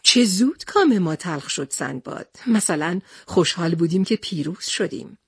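A woman's voice: a little high, lively intonation, breathy edge, no room sound, studio quality. A woman voicing a worried male hero who speaks in a shaky, gloomy way. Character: worried adult male hero, easily discouraged.

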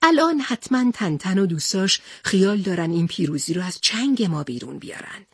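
A woman's voice: medium pitch, slightly rough, no room sound, studio quality. A woman voicing a brave male sea captain who speaks steadily and reassuringly.

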